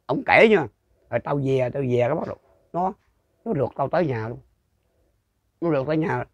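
A man's voice: medium pitch, animated, fairly quick, no room sound, highs cut off. An older man with a Southern Vietnamese accent telling a folk ghost story in a rambling, repetitive way, full of restarts. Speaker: storyteller interviewee.

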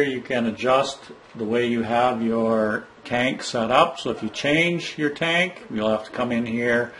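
A man of medium pitch, working as a product trainer, gives a plain step-by-step tour of a monitor's setup screens while holding the camera in an indoor room. There is slight background noise, and he instructs simply, with some fillers and restarts.

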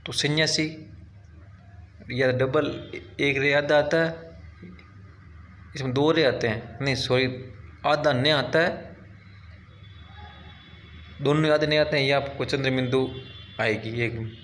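A man's voice: medium pitch, fairly even intonation, takes it slowly, long pauses, a bit bright, slight background noise. A man teaching, working through quiz questions one by one and explaining each answer step by step, now and then correcting himself. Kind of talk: exam quiz walkthrough.

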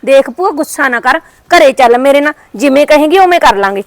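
A woman plays a niece in a village family skit, coaxing and placating in a high voice with a Punjabi accent. The sound is close and dry. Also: expressive, a little fast, no room sound. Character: niece coaxing her angry aunt home.

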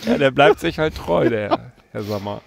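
Gravelly-voiced man hosting a joking chat. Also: medium pitch, expressive, normal speed. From Berlin. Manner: joking, teasing introductions. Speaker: podcast host. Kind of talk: casual chat among friends. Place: inside a parked van.

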